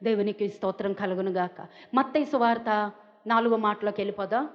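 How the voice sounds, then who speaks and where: A woman pastor from India preaching a sermon with emotional emphasis and dramatic pauses. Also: mid-range voice, fairly even intonation, long reverb tail, highs cut off.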